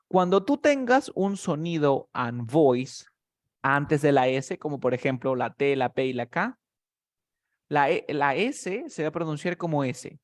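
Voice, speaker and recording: Pitched a little high and expressive, a male tutor leads a private English lesson by video call. He explains things patiently in Spanish, sounds out each sound slowly, and keeps checking that the student is with him.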